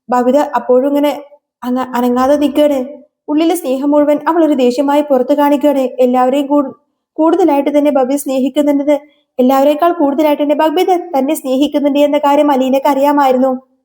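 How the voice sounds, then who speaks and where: High-voiced woman retelling a story. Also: dark tone. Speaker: serial recap narrator.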